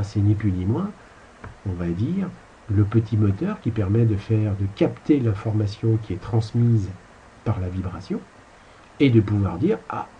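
A man with a low, very dark and mellow voice lectures on spiritual ideas in a loose, rambling way, dropping crude slang as he points at his slides. The sound is a bit dull, with a faint hiss behind it. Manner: rambling, colloquial, mildly crude asides. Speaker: spiritual teacher.

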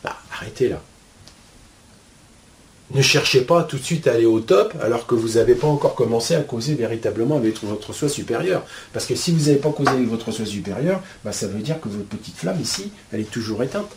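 Sounding like he's working through ideas at a board, a man teaches spirituality in a loose, colloquial style, full of blunt slang and nonstop asides. His expressive voice swings widely in pitch and runs a little fast, with slight background noise.

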